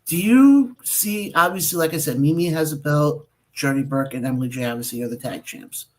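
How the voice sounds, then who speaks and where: A man's voice: on the high side, a little fast, a little mellow, poor audio. A man hosting a wrestling radio show, asking questions and telling stories in a chatty way. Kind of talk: casual interview talk.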